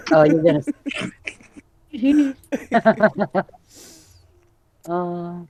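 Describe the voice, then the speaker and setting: A woman's voice: fairly low pitch, big pitch swings, very slow, mellow, slightly rough. Woman host on a video call, chatty, lots of um and like, easygoing. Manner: chatty, with fillers and laughter. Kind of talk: casual roundtable chat.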